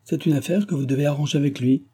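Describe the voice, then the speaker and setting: A man's voice: a little high, fast talker, mellow, slightly rough, pitched above the performer's own voice. A man voicing a reserved young heiress in an audiobook, speaking in a polite, cool and firm way.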